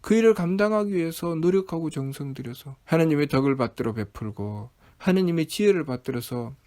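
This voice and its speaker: A man's voice: fairly high pitch, animated, a little fast, warm tone. A man preaching a sermon, steadily posing one rhetorical question after another.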